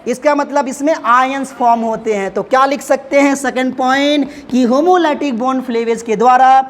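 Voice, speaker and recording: A man's voice: very high voice, fairly even intonation, measured pace. A male chemistry teacher gives a classroom lecture at the board, explaining step by step and addressing students affectionately.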